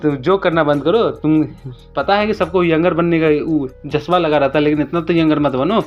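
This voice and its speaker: A man retelling a comic story in a casual recap, talking rapidly and briefly raising his voice for quoted lines. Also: on the high side. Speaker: manhwa recap narrator. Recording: dull lo-fi voice-over with faint music.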